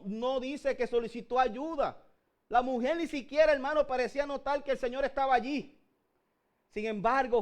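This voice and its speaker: A man with a Puerto Rican accent preaches a sermon in a very high, darkish voice. He keeps calling his listeners "hermano," or brother, and builds toward emphatic peaks.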